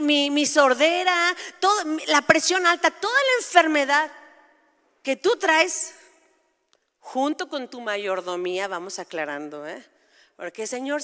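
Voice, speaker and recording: High-voiced woman preaching in a reverberant hall. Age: 40s. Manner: animated, self-correcting, playful asides. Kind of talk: sermon.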